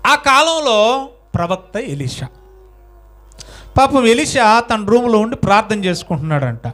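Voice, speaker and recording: A male pastor telling a story in a sermon, questioning his congregation and having them answer aloud, swinging between loud and soft. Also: high-pitched, big pitch swings, a little slow.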